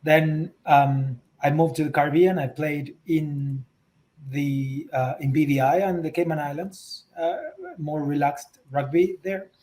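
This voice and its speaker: A man from Argentina, a guest in a casual interview on a video call, speaking in a measured way with frequent pauses. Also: fairly high pitch, steady tone, darkish tone, low-quality recording. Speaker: guest, rugby club executive.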